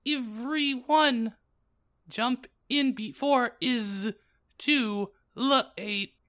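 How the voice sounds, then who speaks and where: A man doing a high-voiced moody goth teen girl. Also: extremely slow, pushed and bright, heavily acted. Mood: dramatic. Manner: high exaggerated girlish put-on voice. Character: gothic teenage girl narrator, dramatic and moody.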